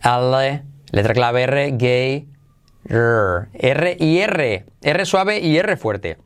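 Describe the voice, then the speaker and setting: A man teaches English pronunciation on a podcast. He is playful and repeats each word slowly for the listener to copy. His voice sits at an ordinary middle pitch. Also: animated, clean tone. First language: Spanish. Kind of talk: podcast lesson.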